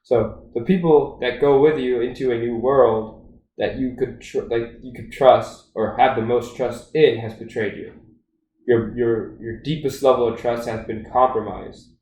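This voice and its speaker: A man co-hosting a podcast, chatting in a loose, rambling way full of fillers. He retells stories with animated bursts of energy. His voice sounds off-mic and bounces around a roomy, echoey space. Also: medium pitch, unhurried, distant mic. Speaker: podcast co-host. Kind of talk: casual chat.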